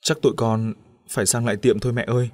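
A man's voice: medium pitch, steady tone, quick pace, dry recording, lightly acted. A man voicing a worried young husband in an audio story, alarmed at one moment and tired at another. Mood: weary. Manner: urgent, weary.

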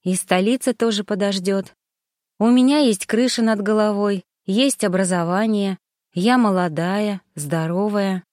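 A woman's voice: mid-range voice, a little slow, a little mellow, no echo, studio quality, lightly acted. A woman voicing a young pregnant woman who is emotional and tearful but finds resolve, as an audiobook character. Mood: resolving. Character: young anxious pregnant woman, later a doting mother.

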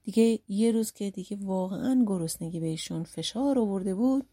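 A woman narrator telling a folk tale with lively storyteller emphasis. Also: medium pitch. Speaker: audiobook narrator.

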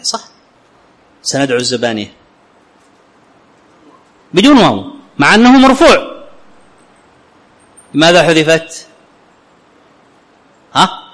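A man teaching an Arabic grammar lesson, often asking his students whether it is clear and reciting quotations slowly. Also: on the high side, big pitch swings, a bit bright. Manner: questions students often, checks understanding; clears his throat now and then.

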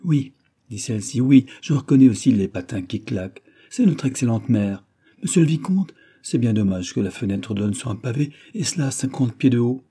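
A man voicing a lively, mocking young lady-in-waiting in an audiobook reading of a classic novel. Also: mid-range voice, normal speed, slightly rough. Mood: playful. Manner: mocking, playful.

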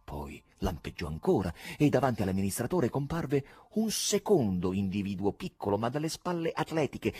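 A man reading a novel aloud as an audiobook narrator, in an expressive, theatrical manner. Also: on the high side, breathy edge, no room sound. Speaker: audiobook reader. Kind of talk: scripted literary narration.

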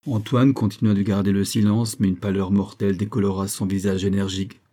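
Low, mellow male audiobook narrator. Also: level tone, fairly quick.

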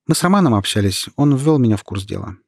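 A man reads a sharp, proud young woman in an audiobook, explaining her ideas earnestly and at length. The voice has a husky grain, and the sound is dry and close. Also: mid-range voice, sing-song, fast talker, no echo. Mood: cool. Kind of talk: audiobook character reading.

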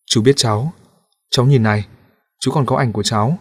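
A male audiobook narrator voicing a calm, kind police captain who speaks gently and in a measured way. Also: medium pitch, breathy edge, close to an everyday voice. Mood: gentle.

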